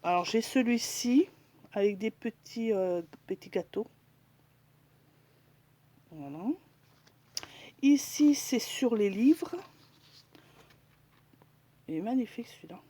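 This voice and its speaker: Soft-spoken woman showing craft papers. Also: on the high side, expressive, takes it slowly, long pauses. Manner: chatty, hesitant, with many fillers. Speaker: crafting vlogger. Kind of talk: casual haul video.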